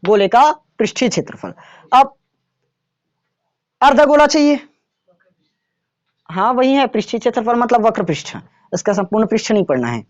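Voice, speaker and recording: A man's voice: very high voice, lively intonation, normal speed, long pauses, lo-fi sound. A man teaching a maths lesson to students in a classroom, in a casual way, often checking whether they have understood.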